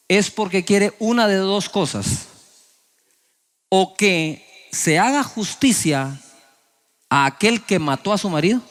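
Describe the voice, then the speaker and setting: A man preaching a sermon as a pastor, acting out people's prayers in raised voices. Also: a little high.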